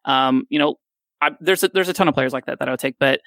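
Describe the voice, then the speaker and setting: Gravelly bright-voiced man in his thirties. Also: medium pitch, quick pace, no echo. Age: 30s. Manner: rambling, self-deprecating, jokey. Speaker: podcast co-host. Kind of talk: casual fantasy baseball chat.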